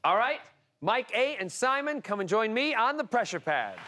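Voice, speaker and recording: A man's voice: very high-pitched, very animated, moderate pace, very noisy. A man hosting a TV quiz show in a studio, upbeat and playful with the contestants. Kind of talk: lively game show hosting. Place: TV studio with live audience. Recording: broadcast studio with music and crowd. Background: music and studio crowd.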